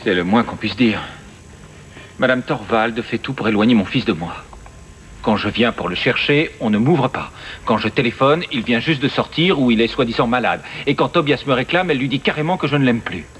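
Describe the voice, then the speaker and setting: An aggrieved father in a film drama, played by a man, with a medium-pitched voice. He speaks earnestly and presses each point insistently. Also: fairly quick, a bit bright, slight background noise, natural voice. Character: insistent, aggrieved father fighting for his son.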